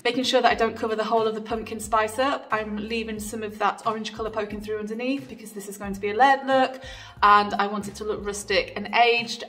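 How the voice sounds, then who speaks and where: Chatty woman narrating a distant tutorial. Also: mid-range voice. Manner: chatty, relaxed, with frequent ums. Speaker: furniture painting tutor. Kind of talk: casual tutorial voice-over.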